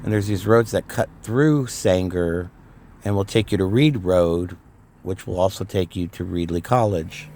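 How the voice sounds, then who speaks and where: Middle-aged man from California, slightly low voice; loose, rambling storyteller who restarts his sentences. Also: measured pace, darkish tone. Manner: rambling, frequent fillers and restarts, laughs at himself. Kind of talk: casual personal storytelling.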